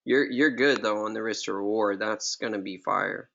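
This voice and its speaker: Gravelly low-voiced man coaching traders. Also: normal speed, sharp tone, highs cut off. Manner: laid-back, slangy, repeats himself. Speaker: forex trading mentor. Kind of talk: casual live trading session.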